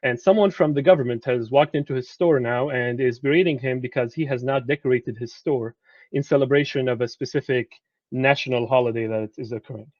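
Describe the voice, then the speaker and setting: A man's voice: mid-range voice, fairly quick, darkish tone, no echo, muffled recording. A man presenting a lecture on translation to students, speaking conversationally and often repeating words as he searches for them.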